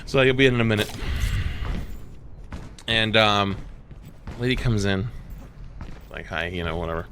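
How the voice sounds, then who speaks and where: Bright-voiced, exasperated streamer. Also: male voice, lowish voice, a little slow, slight background noise. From United States. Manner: rambling, exasperated, profane. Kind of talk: casual storytelling.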